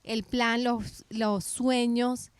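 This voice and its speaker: Lively woman telling her story. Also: on the high side, very slow, clear, resonant tone, dry recording. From Colombia. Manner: animated storytelling with many restarts and self-corrections. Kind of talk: casual faith podcast chat.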